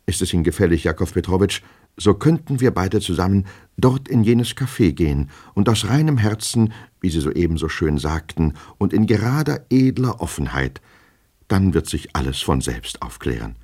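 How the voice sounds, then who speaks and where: A man's voice: sits low, very animated, moderate pace, darkish tone, husky, voice pushed up, full character voice. A man reading an audiobook, voicing an anxious clerk who pleads frantically with his double. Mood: pleading.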